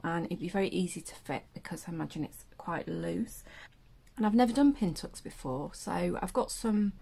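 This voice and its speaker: A woman's voice: mid-range voice, creaky, a little mellow. A woman hosting a casual sewing vlog, chatting through a magazine with joking asides and frequent restarts. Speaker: sewing vlogger reviewing a pattern magazine. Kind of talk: casual chat. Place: indoors at home, seated in a chair.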